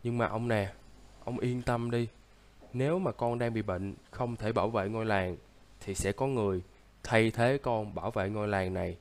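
A man's voice: lowish voice, steady tone, moderate pace, close to an everyday voice. A man voicing a sick young man who acts as a stern, lecturing big brother, coughing now and then, in casual game role-play. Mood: weak.

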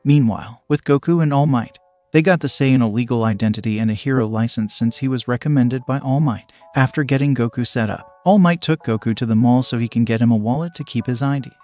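A man narrating a fan fiction story in an even, steady storytelling voice. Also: mid-range voice, a little fast, faint music behind.

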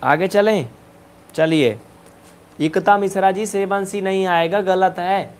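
A man teaches basic algebra in a live online class, his voice sitting high for a man. He talks briskly and coaxingly, pushing students to answer quickly and scolding them playfully now and then. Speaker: maths teacher.

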